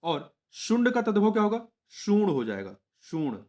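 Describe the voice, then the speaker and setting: A man's voice: sits high, sing-song, a little slow, darkish tone. Man patiently explaining Hindi test answers. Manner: patient, repeats answers, self-corrects mid-word. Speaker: exam coaching teacher.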